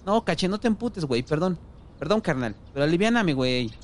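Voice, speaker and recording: A man's voice: a little high, expressive, brisk, a little hiss or hum, pitched above the performer's own voice, natural voice. A man voicing a desperate young male addict, whiny and pleading.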